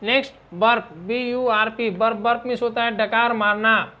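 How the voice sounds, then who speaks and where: A woman teaching English vocabulary, spelling each word out letter by letter and explaining its meaning in a steady, patient way. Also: on the high side, normal speed. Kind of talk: vocabulary lesson.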